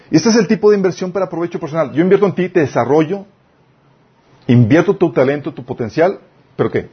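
A man's voice: fairly high pitch, breathy edge, dull audio. A man preaching a sermon. He reads scripture aloud, stops to explain it, and asks his listeners questions. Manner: addresses the audience as "chicos", asks them questions.

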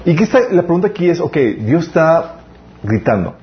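A man giving a casual sermon as youth pastor, full of restarts and slowed emphatic phrases. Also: a little high, big pitch swings, muffled recording, slight background noise. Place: church.

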